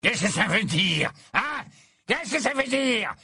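A man's voice: on the low side, unhurried, sharp tone, husky, dry recording, studio quality, full character voice. A man reading aloud voices a sneering, crooked-faced male henchman who cackles and taunts. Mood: mocking. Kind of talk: audiobook character voice.

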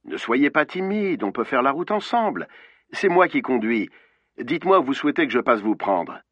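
A man's voice: mid-range voice, very animated, normal speed, fairly bright tone, no room sound, muffled recording. A man voicing a male killer on the phone, first pleading, then ironic and falsely polite, in an audiobook. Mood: mocking. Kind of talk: audiobook acting.

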